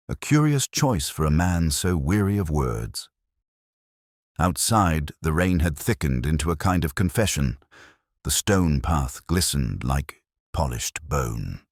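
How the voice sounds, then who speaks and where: A man playing a weary, reflective police inspector, narrating his case in a measured, literary, melancholy way for an audio drama. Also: rumbling low, dry recording, clean studio sound, heavily acted. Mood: brooding, reflective. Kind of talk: scripted first-person detective narration, audio drama.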